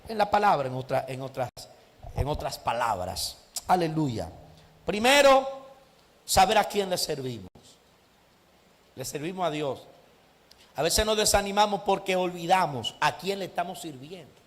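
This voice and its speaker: Male pastor, high bright voice, shouting sermon, church hall reverb. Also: big pitch swings, normal speed, pauses often. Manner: preaches with rising shouts and frequent "amén" and "gloria a Dios". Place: church sanctuary.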